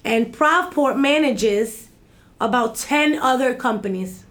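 Speaking slowly in a slightly high, fairly bright voice, a thirty-something woman appears as a guest in a laid-back interview. She leads an activist group as executive director, and her delivery is emphatic and repetitive, punctuated by "right?"

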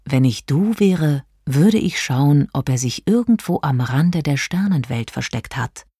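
Woman doing a slow, deep-voiced, mysterious old moon. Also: breathy edge, no echo, clean studio sound, heavily acted. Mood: calm, mysterious. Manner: slow, calm, speaking in riddles. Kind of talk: audiobook character voice.

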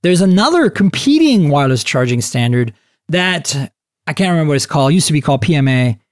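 Animated chatty male podcast host. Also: on the high side, quick pace, no echo, studio quality. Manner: animated, chatty, many fillers and restarts. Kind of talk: casual tech podcast chat.

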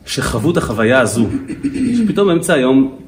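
A man, a rabbi telling stories in a lively lecture to an audience and repeating words as he builds a point. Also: mid-range voice, recorded from a distance, a little hiss or hum.

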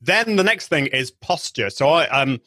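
A man's voice: a little high, expressive, normal speed, bright, forceful tone, no room sound. A man giving an interview as a live video trainer, explaining enthusiastically with many restarts, with a trained singer's voice. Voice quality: trained singing voice. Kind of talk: interview over a call.

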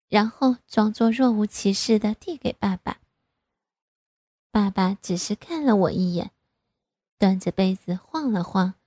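Woman reading a story out, soft n even, kinda husky, super dry close sound. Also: mid-range voice, no echo. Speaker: narrator. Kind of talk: first-person story narration.

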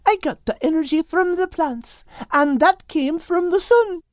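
A woman's voice: very high voice, expressive, unhurried, dry recording, studio quality, pitched above the performer's own voice. A woman voicing an eager young Scottish girl pupil who keeps asking curious questions. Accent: Scottish, put on. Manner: curious, asks lots of questions.

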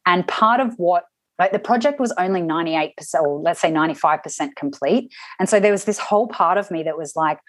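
Low-voiced woman telling a personal story. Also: fairly quick, no echo. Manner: reflective, with frequent restarts and acted-out quotes. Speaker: interview guest.

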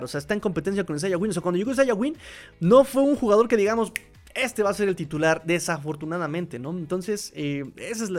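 Male sports host, fairly high voice, animated, rambling with fillers. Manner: animated, excitable, with many fillers and restarts. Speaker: podcast host. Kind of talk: casual sports talk, reading viewer comments.

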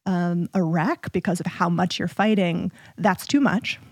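A woman co-hosting a podcast, explaining relationship signs in a clear, steady, explanatory way. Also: fairly low pitch, measured pace, no room sound. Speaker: podcast co-host. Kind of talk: casual relationship chat.

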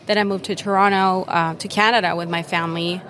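Young woman from Venezuela, eager explainer with fillers, lower voice, interview at a conference. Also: fairly even intonation, fairly quick, a bit bright, slight background noise. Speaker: guest, retirement account specialist. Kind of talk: conversational interview. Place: busy conference floor.

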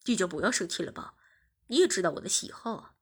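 Woman voicing a young man, lower and husky, calm, coaxing, teasing. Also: fast.

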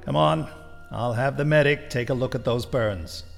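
A man's voice: mid-range voice, moderate pace, vocal fry, long reverb tail, faint music behind, close to an everyday voice. A man voicing a weary middle-aged male superintendent who speaks plainly in a dramatized story reading. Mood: resigned.

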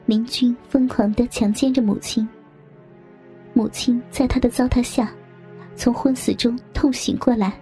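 A woman reading a scripted audio story in a soft, half-whispered way. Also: a little high, fairly even intonation, unhurried, soft background music. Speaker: narrator.

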